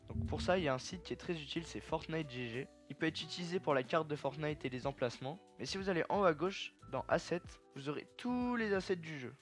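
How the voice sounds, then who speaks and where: A young man casually talking viewers through a software tutorial step by step, chatty and informal. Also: on the high side. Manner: chatty, step-by-step, addresses viewers as "les gars". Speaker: tutorial creator.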